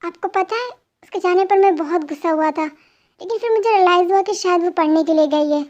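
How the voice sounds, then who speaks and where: A woman voicing a heartbroken young male boxer who answers quietly in an amateur fan dub. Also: very high voice, a little fast, dull audio. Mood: subdued. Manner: quiet, subdued replies.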